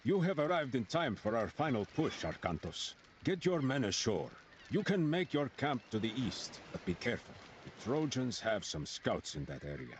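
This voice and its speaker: A man's voice: mid-range voice, very animated, moderate pace, slight background noise, natural voice. An actor playing a proud warrior king in a video game, speaking grandly. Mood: regal. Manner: grand, welcoming, declamatory.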